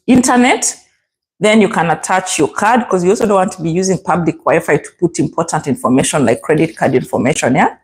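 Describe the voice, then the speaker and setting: A woman with a Kenyan accent chatting casually as a travel vlogger, giving practical tips and checking in with the listener. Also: fairly low pitch. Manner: conversational, checks in with "yeah?" and "okay?".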